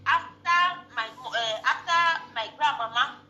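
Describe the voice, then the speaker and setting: A woman from Edo State with a Nigerian Edo accent, chatting casually in Nigerian Pidgin in a halting, repetitive way. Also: sits high, sharp tone, lo-fi sound.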